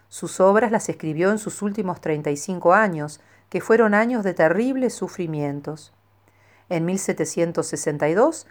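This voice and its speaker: Female narrator for a scripted devotional reading, calm and measured, a little low in pitch. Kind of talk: scripted narration of a saint's life.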